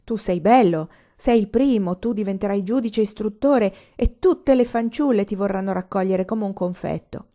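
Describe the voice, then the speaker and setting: A woman's voice: mid-range voice, normal speed, few pauses, dark tone, lightly acted. A woman voicing an ugly, pushy young male schoolmate who coaxes insistently, in a storybook reading. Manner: insistent, coaxing. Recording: slightly muffled recording.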